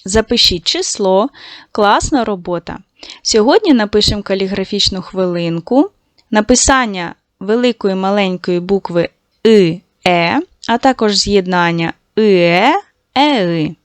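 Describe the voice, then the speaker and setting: A patient, encouraging woman leads a recorded lesson for young schoolchildren, her medium-pitched voice lively in intonation and free of echo. She praises the children, speaks to them directly, and slowly elongates sounds to show how they are said.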